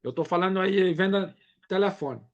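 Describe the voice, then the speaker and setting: A man's voice: sits high, normal speed, dull audio. A man from Brazil, giving a casual live sales training and often checking in with his audience.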